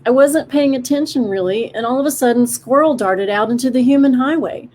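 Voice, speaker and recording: A woman's voice: high-pitched, fairly quick, a little mellow, a little hiss or hum, pitched above the performer's own voice, natural voice. A guilt-ridden woodchuck, as a woman reads him tells his tale in a gloomy, downcast way. His voice sits slightly above the narration. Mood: guilty. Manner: gloomy, muttering. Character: guilty, downtrodden male woodchuck. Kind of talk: storybook character voice.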